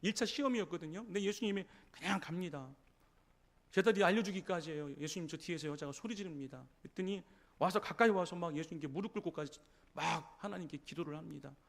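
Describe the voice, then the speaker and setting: A male pastor with a high-pitched voice preaches a Sunday morning sermon in his church. He retells scripture stories in a lively way, slipping into the voices of the people he quotes and often turning to the congregation with a quick "예?" to check they are following. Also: gravelly. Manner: storytelling preacher acting out quoted voices, frequent "예?". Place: church sanctuary.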